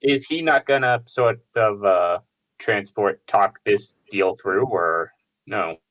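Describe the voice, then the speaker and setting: A man taking part in a tabletop game, halting and hesitant as he weighs his words. His voice sits low and comes through a dull, lo-fi voice chat line. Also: fairly bright tone. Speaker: player.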